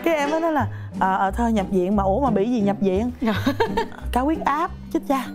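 A woman's voice: mid-range voice, fast talker, over music. A young woman, animatedly telling a story on a talk show, acting out voices and laughing often. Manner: lively, laughs often, acts out quoted voices. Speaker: guest mother telling her birth story.

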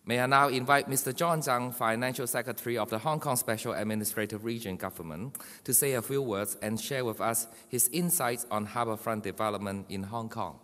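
A man's voice: mid-range voice, a bit bright. A man giving a formal welcome speech as moderator at a podium in a large conference hall. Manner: measured, formal delivery. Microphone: podium microphone. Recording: long hall reverb.

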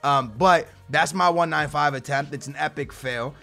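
A young man hosting a gaming video, commentating casually in a slangy, teasing, animated way. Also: on the high side, normal speed, creaky. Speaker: gaming channel host. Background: faint background music.

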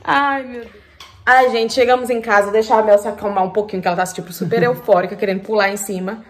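A woman's voice: medium pitch, fairly even intonation, fast talker. A tired young woman, a new mother, chatting casually to her viewers in a vlog in a tender, talkative way. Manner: chatty, tender, often says "gente" and "meu Deus".

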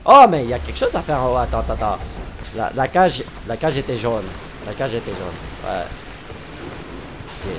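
A man's voice: medium pitch, sing-song, moderate pace, long pauses, background noise. A man with a Québécois French accent giving let's-play commentary, exclaiming, joking and humming to himself as he plays. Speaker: gamer commentator.

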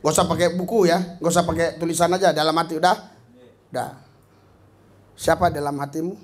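A man preaching a lively sermon in a small church. He talks animatedly, jumping from loud bursts to quiet asides, and often laughs. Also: fairly high pitch, fairly quick. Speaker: pastor.

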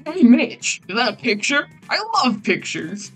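A woman plays a big, simple-hearted werewolf jock from a video game. The voice is husky and earnest, with a naive, childlike sweetness. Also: a little high, big pitch swings, a little slow, soft background music, exaggerated voice. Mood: cheerful. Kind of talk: voicing a video game's dialogue.

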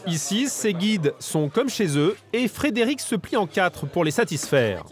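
Lively high male documentary narrator. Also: a little slow. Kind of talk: scripted voice-over narration. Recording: voice-over with music bed.

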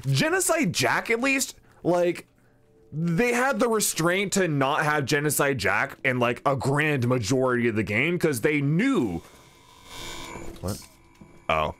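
A man streaming a video game, commenting casually in a joking, swearing, animated way. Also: on the high side, measured pace.

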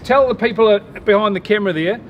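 A man's voice: fast, highs cut off. A middle-aged man chats informally and slangily as a host interviewing someone. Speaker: host and boat owner. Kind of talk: casual chatty interview. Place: outdoors in a yard beside a metal boat. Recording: outdoor noise with vehicle rumble.

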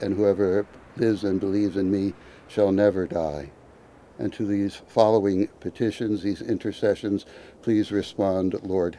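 A man, a priest, reciting committal prayers at a graveside in a measured, liturgical way. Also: on the low side, mellow.

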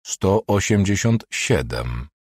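A man voicing a wry, self-mocking male police detective in an audiobook, close to his own deep, husky voice. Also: sing-song, slow pace, a little mellow, no room sound, full character voice. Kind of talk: audiobook character voice.

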